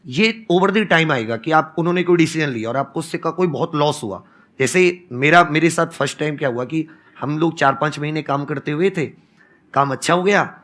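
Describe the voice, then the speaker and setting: A man's voice: fairly high pitch, fairly bright tone. A man in his thirties, a teacher and co-founder, telling stories earnestly and counting off his points on a panel. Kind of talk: conversational panel talk.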